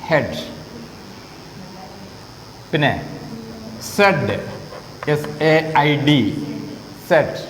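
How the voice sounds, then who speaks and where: A man with a Malayali accent teaching a phonetics lesson, repeating example words slowly and asking rhetorical questions. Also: medium pitch. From Kerala, India. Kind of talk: classroom lesson on English vowel sounds. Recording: echoey room with faint background noise.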